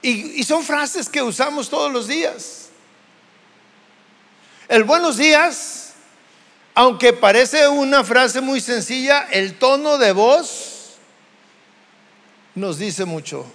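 A Mexican pastor preaches slowly and deliberately, his voice sitting high for a man. The sound carries a long reverb from the church hall around him. He shifts his tone again and again to make his points. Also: expressive, fairly bright tone. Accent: Mexican Spanish. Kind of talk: sermon.

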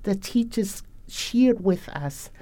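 A woman speaking as an education facilitator in a reflective interview, in a measured, deliberate manner. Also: mid-range voice, lively intonation, warm tone, no room sound.

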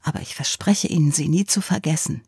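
A woman's voice: low-pitched, fairly quick, gravelly, mellow, husky, no room sound, studio quality, heavily acted. A woman reading a fairy tale aloud and voicing an old, water-soaked toy ball that is vain and talkative, in a fussy, prim manner. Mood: coy.

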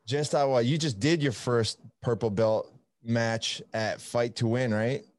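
A man's voice: medium pitch, steady tone, measured pace, no echo, clean studio sound. A young man with an Italian accent hosting a podcast, talking in a rambling, upbeat way full of fillers. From Italy. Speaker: podcast host. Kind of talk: casual interview chat.

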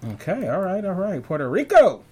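A man's voice: high-pitched, moderate pace, breathy edge. A man hosting an online talk show, chatting casually with lots of fillers and restarts. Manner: relaxed, rambling with many fillers. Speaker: podcast host. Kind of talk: casual interview chat.

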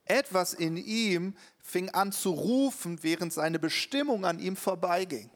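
A man interpreting a sermon live, quick and earnest, with the odd hesitation. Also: sits high, expressive.

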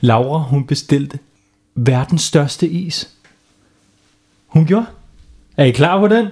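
A man's voice: fairly high pitch, expressive, a little mellow, slightly rough. A man telling a bedtime story to children in a playful way, stopping to ask them questions.

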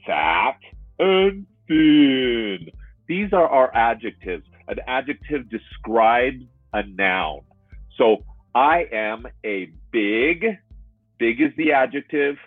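A man teaching English, drawing out and repeating words slowly with lively emphasis for learners. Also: mid-range voice, dry recording. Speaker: English tutor. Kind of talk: slow, drawn-out teaching with examples. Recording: muffled, phone-like online lesson audio.

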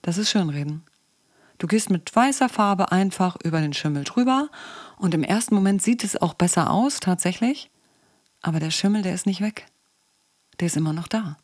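Low-voiced woman hosting a podcast. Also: lively intonation, moderate pace, dry recording, clean studio sound. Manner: conversational, asks the listener questions. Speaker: psychologist and coach, podcast host. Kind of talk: casual podcast monologue.

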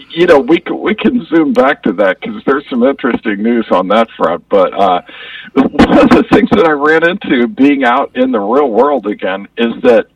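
Casual co-host, man, slangy and animated, gravelly edge, muffled tube-like sound from a far, dull phone. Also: fairly high pitch, no room sound. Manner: laid-back slangy talk. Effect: muffled, sounds like talking through a tube. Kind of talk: casual podcast chat. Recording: distant lo-fi phone line.

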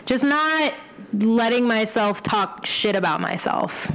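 A woman's voice: fairly high pitch, expressive, takes it slowly, a bit bright, rough recording. A young woman in casual chat, rambling with many fillers and casual swearing.

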